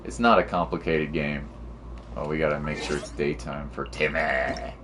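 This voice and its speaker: A man with a rumbling low, steady voice speaks at normal speed while music plays in the background. As a game streamer he offers laid-back, slangy chat and commentary, with the occasional mild curse.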